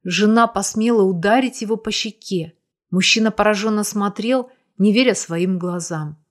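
A woman reading a story aloud as narrator, in steady, even storytelling. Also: medium pitch, moderate pace. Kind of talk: scripted audiobook narration.

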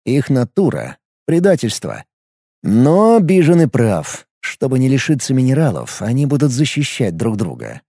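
Man narrating with a dark, lively voice. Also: mid-range voice, normal speed, breathy edge, dry recording, studio quality. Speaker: audiobook narrator. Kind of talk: first-person scripted narration.

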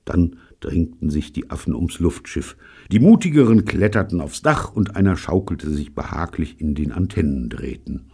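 A man reading a children's novel aloud as narrator, in an expressive, characterful way. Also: deep voice, normal speed, husky. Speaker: audiobook narrator. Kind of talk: storybook reading.

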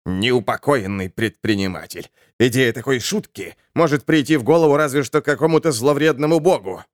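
Man playing gravel-voiced grim spirit; dry sound. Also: mid-range voice, expressive, moderate pace, no echo, natural voice. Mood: sardonic. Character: gravelly grim male soul.

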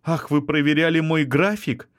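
A man's voice: a little high, brisk, dry recording, studio quality, pitched above the performer's own voice, close to an everyday voice. A man voicing a young woman who is cold, curt and sharply dismissive in an audiobook. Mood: mocking. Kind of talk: audiobook character reading.

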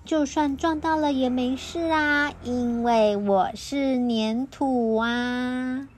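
A woman voicing a kindly, calm shape-changing clay character in a storybook, speaking slowly and gently. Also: high voice, slight background noise. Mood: gentle.

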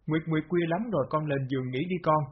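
A man reading the lines of a long-suffering middle-aged mother who speaks slowly and pleads. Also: fairly high pitch, breathy edge. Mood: tender. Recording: dull lo-fi audio.

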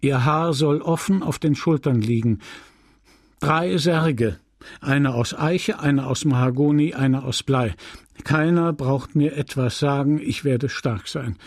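A man voicing a grief-stricken middle-aged country doctor who stammers and bursts into shouting. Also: mid-range voice, slow, dry recording, studio quality. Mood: grieving.

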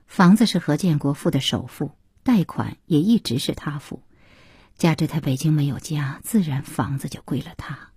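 A woman narrating an audiobook in a slow, soft and intimate way. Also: low voice, husky, dry recording, clean studio sound.

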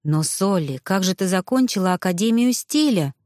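A woman's voice: medium pitch, expressive, normal speed, a little mellow, no room sound, clean studio sound, close to an everyday voice. Woman voicing a strict young woman. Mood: surprised.

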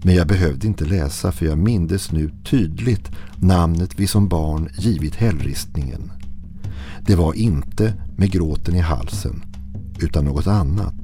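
A man narrating a listener's horror story in a slow, hushed, brooding manner. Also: low voice.

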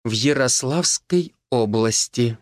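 A man voicing a brisk, sharp-tongued village herbalist woman who scolds and exclaims in a raised, lively voice. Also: mid-range voice, music in the background. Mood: eager.

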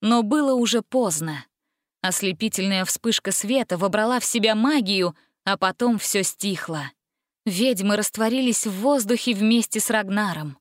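A woman narrates a fairy tale in a steady, expressive storybook reading. Her voice sits in the middle range. The recording is dry and close, with no room sound. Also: medium pitch, normal speed, dry recording. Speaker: audiobook narrator.

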